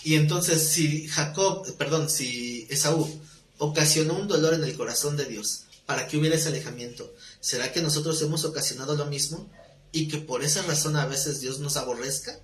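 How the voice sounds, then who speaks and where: A man's voice: fairly high pitch, normal speed. A man preaching a live sermon, speaking conversationally with rhetorical questions and light jokes. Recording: roomy live-stream audio.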